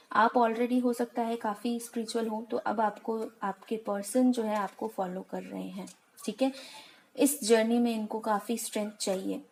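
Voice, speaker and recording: A woman talks her viewers through a tarot spread in a relaxed, chatty way. Her voice sits a little high, and she keeps checking in with a reassuring "okay" as she switches between two languages. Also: vocal fry, poor audio. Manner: chatty, reassuring, mixes English into Hindi, often says "okay". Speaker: tarot card reader. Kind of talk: casual tarot reading to viewers.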